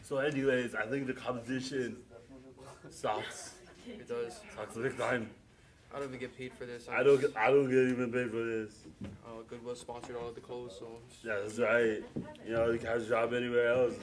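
A man bantering in an improvised comedy skit, joking in a deadpan way as a pretend designer. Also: mid-range voice, a little fast, crowd noise. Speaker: contestant playing a fake designer.

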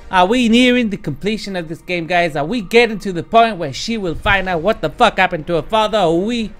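Speaking from home over game music, a man in his thirties streams a casual let's play, addressing viewers, swearing freely and erupting in frustration now and then. His voice is high-pitched and fairly bright, dressed up in a fake Texas drawl.

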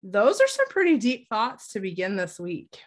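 A woman's voice: medium pitch, wildly swooping pitch, moderate pace. A woman with a stuffy, nasal voice from a cold, hosting a casual church Bible study and leading prayer. She talks cheerfully and laughs easily.

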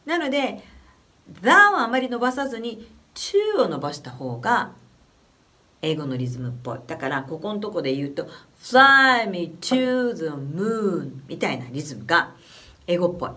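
Lively Japanese woman vocal coach. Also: lowish voice. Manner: chatty, animated, demonstrates phrases slowly. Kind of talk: casual spoken singing lesson.

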